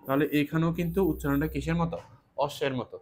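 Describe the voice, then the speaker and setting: A man teaching a spelling lesson for exam students. He asks questions and answers them himself, and he repeats the key words slowly. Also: fairly high pitch, fairly even intonation, darkish tone, slight background noise.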